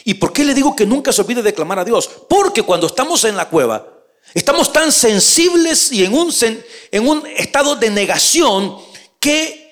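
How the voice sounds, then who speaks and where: Speaking to the listener as a brother, a high-voiced preacher moves back and forth between soft, slow moments and loud, emphatic declarations.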